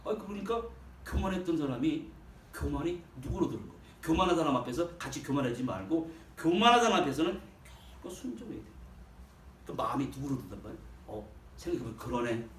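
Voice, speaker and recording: A man's voice: lively intonation, quick pace. A man preaching a sermon, emphatic, swinging his voice up and down to drive points home. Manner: emphatic preaching with sharp swings in pitch and volume. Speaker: pastor. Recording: roomy echo, voice from a distance, faint background hum.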